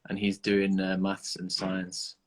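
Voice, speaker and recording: A man's voice: deep voice, monotone, slow. A man hosting a podcast, chatting in an easygoing way with lots of loose hedges. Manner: easygoing, hedging with fillers. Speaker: podcast host. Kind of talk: casual podcast chat.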